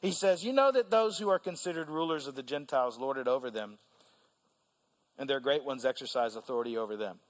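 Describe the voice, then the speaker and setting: A man preaching a sermon as pastor, animated and asking the congregation questions. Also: medium pitch, a little fast. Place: large church hall. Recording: long church reverb.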